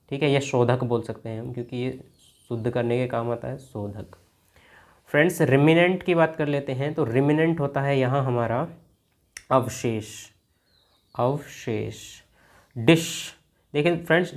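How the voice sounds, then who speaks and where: A man teaching an exam-prep vocabulary lesson, explaining each word in turn and softly repeating the key words, often calling his viewers friends. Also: medium pitch.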